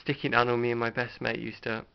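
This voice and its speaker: Here a middle-aged British man talks fast in a gravelly, mid-range voice with a completely flat delivery, hosting a casual, unscripted show-and-tell of his collection in a hesitant, rambling, understated manner. The dull lo-fi home recording carries a little hiss or hum.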